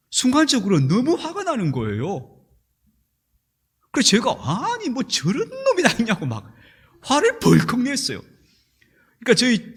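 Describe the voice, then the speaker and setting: A man's voice: high-pitched, husky. A middle-aged male pastor preaching a sermon in a church, telling stories and acting out angry outbursts.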